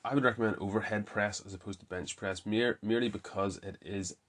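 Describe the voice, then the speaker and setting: A young man, explaining gym lifts in a relaxed, casual podcast talk with frequent ums. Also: on the low side, a little fast. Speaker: fitness coach podcast host.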